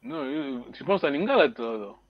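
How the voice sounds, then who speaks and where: A man teaching a language class, explaining slowly and hesitantly, repeating words and chuckling often. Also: mid-range voice, sing-song, vocal fry, lo-fi sound, slight background noise.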